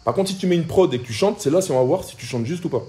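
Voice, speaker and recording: A man's voice: on the high side, animated, dark tone. A young man, co-hosting a casual chat and asking questions. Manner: quick, chatty, asks questions. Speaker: podcast co-host.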